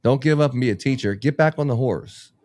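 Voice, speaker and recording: This business owner and podcast host speaks in a mid-range, slightly mellow voice at a slightly quick pace, with no room sound. His casual advice is blunt, profane, rambling and meant to motivate.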